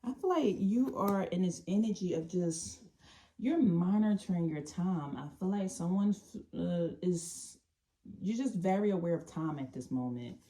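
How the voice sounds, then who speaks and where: A tarot reader gives an intuitive reading, talking calmly and meanderingly and often restarting or repeating phrases. Her voice is lowish and a little slow.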